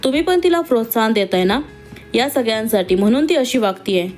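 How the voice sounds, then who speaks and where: A wealthy mother who looks down on anyone poorer, speaking with cool disdain, as a woman reading the story puts her on. The voice sits a little high, and soft music plays faintly behind. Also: animated, a little fast, natural voice. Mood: scornful. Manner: scornful, disdainful. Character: proud status-minded wealthy middle-aged mother.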